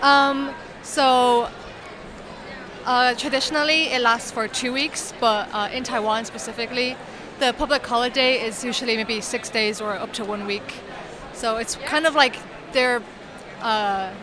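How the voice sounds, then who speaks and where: A woman's voice: fairly high pitch, fairly even intonation, normal speed. An Irish woman chatting as a guest at an exhibition stand, with loose speech full of "like" and "you know". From Ireland. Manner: chatty, lots of filler words like "like" and "you know". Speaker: interview guest. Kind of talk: casual chat. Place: busy exhibition hall. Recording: crowd noise of a busy expo hall.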